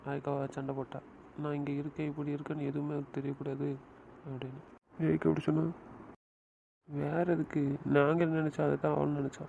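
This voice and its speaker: A man's voice: fairly high pitch, monotone, fairly quick, creaky, pauses often, warm tone, highs cut off, slight background noise. A man voicing both friends in an emotional audio drama, talking in a comforting and pleading way.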